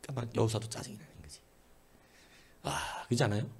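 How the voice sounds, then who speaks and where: Male pastor, middle-aged, husky voice, animated sermon delivery with wide pitch swings. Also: fast talker. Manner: animated, talks with congregation, shifts loud and hushed. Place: church sanctuary.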